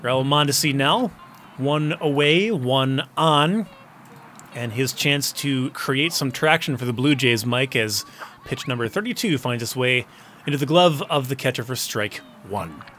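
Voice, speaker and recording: A man doing descriptive baseball play-by-play, narrating each pitch and play as it happens. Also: unhurried, sharp tone, soft background music. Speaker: baseball commentator. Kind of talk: baseball video game play-by-play commentary.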